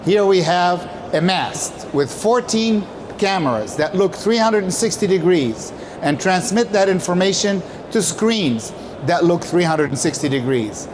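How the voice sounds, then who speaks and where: A company speaker gives a prepared, conference-style presentation, explaining emphatically and answering his own questions. His high voice is expressive, and he speaks at a measured pace. Background noise is present.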